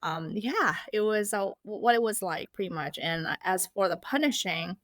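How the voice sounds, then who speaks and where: A woman's voice: medium pitch, animated, moderate pace, fairly bright tone, no echo. Hesitant woman from Indonesia, dry sound. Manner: hesitant, many fillers and restarts. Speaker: guest. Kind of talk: casual interview.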